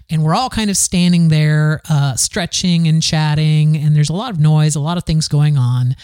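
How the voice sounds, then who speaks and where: A man's voice: on the high side, a little mellow, no echo, clean studio sound. A man from the American South hosting a podcast, talking in a candid, rambling solo monologue full of restarts. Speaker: podcast host.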